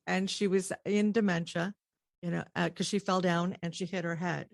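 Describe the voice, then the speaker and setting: A woman's voice: fairly low pitch, steady tone, normal speed, creaky, dry recording, clean studio sound. A woman telling personal stories casually as a co-host in conversation.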